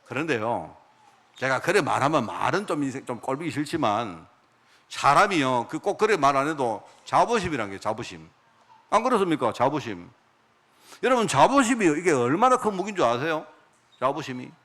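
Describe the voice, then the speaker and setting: A man's voice: on the high side, big pitch swings, a little fast, a bit bright. A middle-aged male pastor with a Gyeongsang Korean accent, telling a story in a sermon and acting out the dialogue in character voices.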